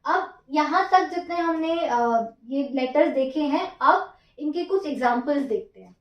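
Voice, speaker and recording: Woman teacher, high voice, slow stroke counting, echoey dull recording. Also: lively intonation. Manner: counts strokes aloud slowly, patient. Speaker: Japanese teacher. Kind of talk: slow stroke-by-stroke writing lesson.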